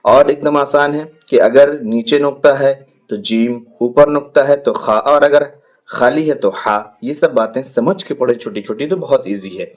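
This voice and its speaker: A man teaching a Quran reading lesson, stretching out each letter name, then explaining quickly in between. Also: mid-range voice, highs cut off. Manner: drawn-out letter names called slowly, then quick explanations. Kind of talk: teaching a Noorani Qaida lesson.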